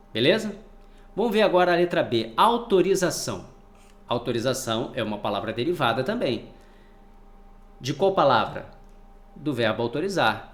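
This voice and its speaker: A man teaching a spelling lesson for exam prep, asking questions and then answering them himself. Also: medium pitch. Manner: lively, asks and answers his own questions.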